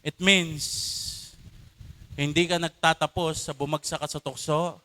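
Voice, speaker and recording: Man, pastor, church sermon, high voice, bright tone, impassioned, Tagalog-English mix. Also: little pitch movement, unhurried. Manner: impassioned, mixing Tagalog and English, with emphatic swells. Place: church worship service.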